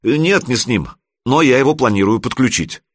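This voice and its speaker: A man's voice: mid-range voice, animated, moderate pace, pitched above the performer's own voice, natural voice. Man voicing an eager, evasive young son. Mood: reassuring. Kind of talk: audiobook character voice.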